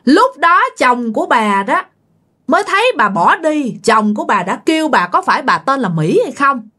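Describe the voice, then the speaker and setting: A woman's voice: high voice, sing-song, moderate pace, bright, forceful tone. Woman telling a story. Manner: conversational, addresses listeners directly. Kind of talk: spoken ghost-story narration.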